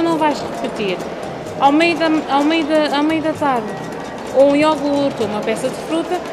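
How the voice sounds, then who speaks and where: A woman doctor from São Tomé and Príncipe explaining diet and health in a direct, instructive way, in an indoor sports hall. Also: sits high. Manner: direct, explanatory, addresses the listener. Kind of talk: giving health advice.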